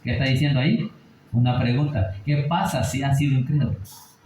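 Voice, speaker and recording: A man's voice: mid-range voice, a little fast, a little mellow, echoey room, slight background noise, poor audio. A man preaching a Bible study sermon, asking rhetorical questions and checking in with his listeners. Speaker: pastor.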